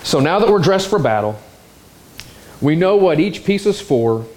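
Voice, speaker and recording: A man preaching a sermon, telling a story in an animated, exclamatory way. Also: fairly high pitch, moderate pace, a little hiss or hum. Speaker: pastor.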